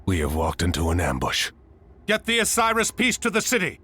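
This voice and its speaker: Animated, stalwart game hero. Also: male voice, deep voice, a little fast, husky, exaggerated voice. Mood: urgent. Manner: earnest, heroic. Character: stalwart, commanding Atlantean hero, a father. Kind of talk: video game cutscene acting.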